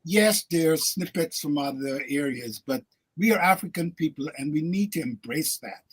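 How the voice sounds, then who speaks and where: An older man from Guyana speaks with a slightly husky, somewhat high voice. He is a guest on a radio talk show, recalling his life in a reflective way with plenty of fillers and easy laughter. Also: expressive, moderate pace. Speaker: actor and guest. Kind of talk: radio interview storytelling.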